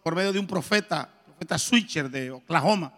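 A middle-aged man preaching a testimony sermon, telling his story in a lively way and acting out the dialogue. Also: fairly high pitch, fairly quick. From Colombia. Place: church. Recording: reverberant church hall.

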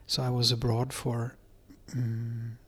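A middle-aged Swedish man, a dance professor, is a guest in a conversational interview recorded in an apartment. He speaks English with a Swedish accent at an ordinary male pitch, slowly and with a completely flat, slightly rough delivery. Hesitant and thoughtful, he fills gaps with fillers and restarts as he recalls details.

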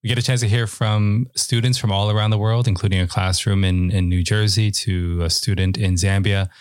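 A man hosts a podcast interview in a somewhat low voice. His questions come across warm and encouraging, and he often restarts his sentences. The sound is dry and close. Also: no room sound. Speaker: podcast host.

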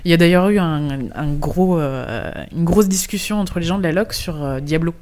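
A woman chats as a podcast guest and explains her work in localization. Her voice sits a little low, and her talk is casual and full of false starts and hesitations. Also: normal speed, a little mellow. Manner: explanatory, with many restarts and hesitations. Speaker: guest, game localization manager.

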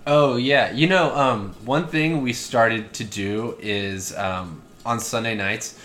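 A man's voice: medium pitch, takes it slowly, a bit bright. A young man co-hosting a podcast, rambling with crude, self-deprecating jokes and lots of fillers. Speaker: podcast co-host. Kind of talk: casual podcast banter.

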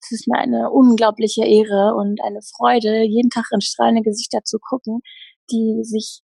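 A woman working as a happiness coach, talking earnestly in an interview with many pauses and restarts. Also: fairly high pitch, flat delivery, vocal fry, warm tone, slightly rough, no echo. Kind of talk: casual interview talk.

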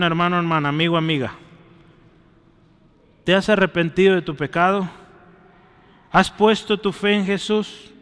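A man's voice: high voice, fairly bright tone, clean tone, long reverb tail. A man preaching a sermon and closing in prayer, urging his listeners and often checking in with a short "right?" and "brother". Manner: exhorting, often adds "¿sí?" and "hermano" to his phrases.

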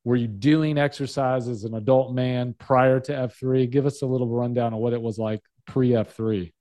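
A man in his forties with a voice of ordinary pitch, hosting a podcast. He speaks in a friendly, encouraging way, sometimes stumbling as he shapes a question. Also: fairly even intonation, moderate pace, dark tone. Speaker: podcast host. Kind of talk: casual interview talk.

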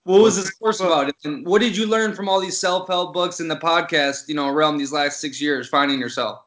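Chatty podcast host in an echoey room. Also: male voice, fairly high pitch, brisk, a bit bright. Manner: upbeat and chatty, heavy on fillers like man and you know. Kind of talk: casual interview talk. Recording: echoey room on dull lo-fi audio.

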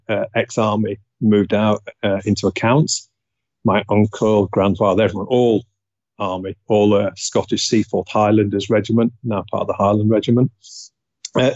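A man from Leeds with a Yorkshire accent reflects on his life as a guest on an interview show, hesitating often with fillers. His medium-pitched voice is a little mellow, and the audio is dull with no echo.

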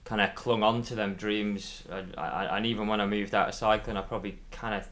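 A man in his thirties, a former athlete guesting on a podcast, chats casually and thinks aloud with some hesitation. His Manx accent is mild, fairly neutral, and his fairly low, fairly bright voice runs fairly quick with a level tone.

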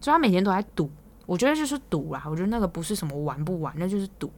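A young Taiwanese-accented woman rattles through a casual podcast monologue at a brisk clip. Her voice sits a little low, and she teases freely and laughs easily as she tells her stories. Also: expressive, a little mellow. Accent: Taiwanese Mandarin. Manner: chatty, teasing, quick to laugh. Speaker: podcast host.

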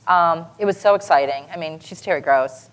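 A middle-aged woman talking on a panel in a chatty, animated way, with many fillers and restarts. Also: fairly low pitch, brisk. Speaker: show creator on a panel. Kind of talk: casual panel talk.

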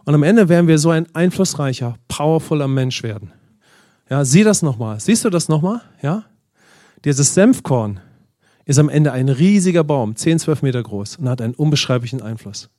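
A middle-aged man preaching a sermon, telling stories in a lively, animated way and often asking "ja?" and saying "Amen". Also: on the high side, moderate pace, no echo, studio quality. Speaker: pastor. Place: church hall.

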